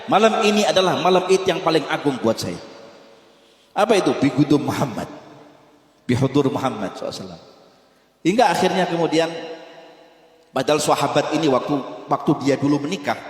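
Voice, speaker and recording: Animated preacher in an echoey hall. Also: male voice, fairly high pitch, brisk, pauses often. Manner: animated, acts out voices in stories. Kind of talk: sermon storytelling. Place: large hall at a religious school gathering. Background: long hall reverb.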